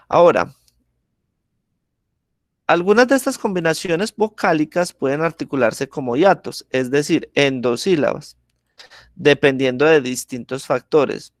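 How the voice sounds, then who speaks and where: A man's voice: on the high side, dry recording, clean studio sound. A man teaching a class, explaining step by step with examples and often checking that students follow. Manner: keeps checking in with the class, asking ¿listo? and ¿sí?. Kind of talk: online class lesson.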